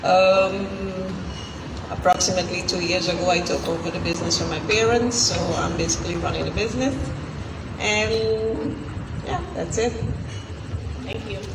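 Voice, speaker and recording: A woman's voice: fairly low pitch, steady tone, moderate pace. A woman from Aruba speaking briefly and hesitantly as a business owner on a panel. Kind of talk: brief self-introduction and panel answers. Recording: distant, echoey, very noisy event recording.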